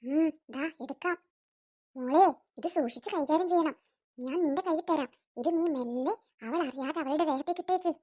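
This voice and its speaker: A woman voicing a scheming cartoon mother who talks in a slow, hushed, conspiratorial way. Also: sits high, no echo, clean studio sound, voice pushed down, close to an everyday voice. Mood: sly. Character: scheming mother, sly and plotting.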